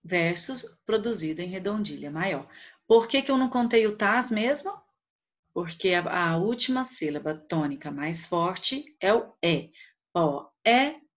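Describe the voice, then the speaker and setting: Slow, deliberate woman teacher, lo-fi sound. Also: on the low side, expressive. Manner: slow, syllable-by-syllable counting of verse. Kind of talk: online class on poetry. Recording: dull lo-fi recording.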